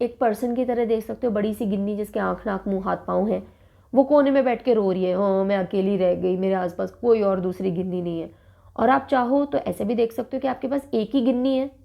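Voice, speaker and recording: A woman's voice: on the high side, gravelly, a little mellow. A woman teacher who explains capitals with playful, silly memory stories and switches between two languages. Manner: playful, uses silly stories and acted lines; mixes English and Hindi. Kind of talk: mnemonic lesson on country capitals.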